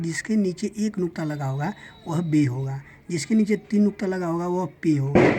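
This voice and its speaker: Over slight background noise, a woman with a lowish, mellow voice leads a reading lesson for beginners. Patient and unhurried, she sounds out every letter and word in steps and keeps saying "theek hai".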